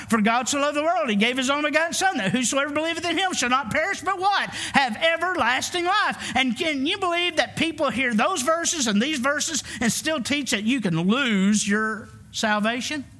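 An extremely high, sharp-toned voice belongs to a pastor in his fifties, preaching emphatically at church. He calls on the congregation for answers, call-and-response style.

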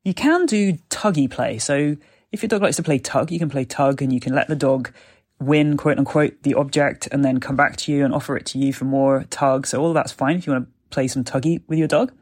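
A man's voice: mid-range voice, fairly quick. A British man hosting a casual solo podcast, chatting and explaining into a phone voice recorder like an unedited dictaphone recording. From Britain. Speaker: podcast host and gun dog trainer. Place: parents' house. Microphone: mobile phone voice recorder.

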